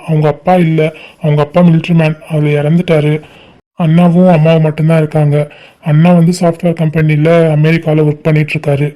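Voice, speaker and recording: A man plays a sly young cartoon cousin who tattles to his uncle in a polite, ingratiating way. The voice sits fairly high with a mellow tone. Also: natural voice. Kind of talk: cartoon family drama voicing.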